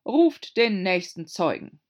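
Storybook king, a grown man, as a woman puts him on, pompous and a little melancholy. He gives orders loudly and slowly. Beneath the bluster he sounds tired. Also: low-pitched, very animated, full character voice. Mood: commanding. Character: fussy weary male king, adult. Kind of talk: audiobook character voice.

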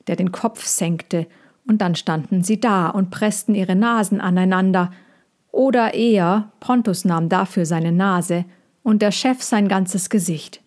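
A woman narrating a children's story in a gentle, measured reading voice. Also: medium pitch. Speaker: audiobook reader.

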